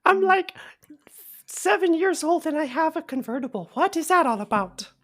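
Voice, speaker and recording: A woman's voice: high voice, expressive, moderate pace, a bit bright, pitched above the performer's own voice. A woman voicing a small, whiny little guy in a raised, childish voice.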